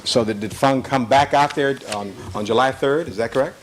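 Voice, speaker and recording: A man's voice: mid-range voice, fairly quick, a little hiss or hum. Pressing male attorney, courtroom recording. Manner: pressing, repeats leading questions. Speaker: attorney cross-examining. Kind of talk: courtroom cross-examination.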